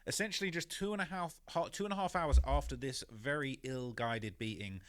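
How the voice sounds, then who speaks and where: A man's voice: mid-range voice, fairly quick, a bit bright, smooth, no room sound. A man narrating a story in a conversational way, with many "you know" and "basically" fillers. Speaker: YouTube narrator.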